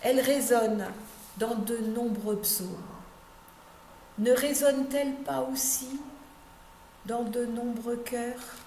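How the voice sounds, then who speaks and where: Woman pastor, slow meditative sermon, rather high voice, echoey room recording. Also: steady tone, dark tone. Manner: measured, emphatic on key phrases, voice dropping at sentence ends. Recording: echoey room with faint background noise.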